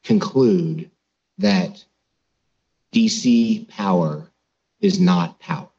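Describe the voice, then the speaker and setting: A man's voice: low-pitched, extremely slow, darkish tone, muffled recording, a little hiss or hum. A man judging from the bench, pressing a lawyer with hypothetical examples and restarting his words. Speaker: appellate judge. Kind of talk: questioning counsel in oral argument. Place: courtroom.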